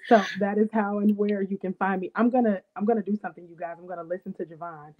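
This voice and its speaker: A woman's voice: medium pitch, steady tone, quick pace, narrow, tinny audio. A woman from St. Louis co-hosting a casual chat show, bubbly and teasing. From St. Louis, Missouri. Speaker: co-host.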